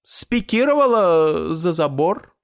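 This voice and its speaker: A man voicing a fussy, chatty male tailor who rambles excitedly. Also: fairly high pitch, takes it slowly, smooth, pitched above the performer's own voice, full character voice. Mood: excitable, chatty.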